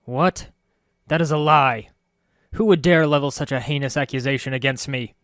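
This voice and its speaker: A man's voice: mid-range voice, slow pace, a little mellow, clean tone, no echo, clean studio sound. Guy voicing a bitter desperate man, strained and raised, cracking with emotion. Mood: indignant.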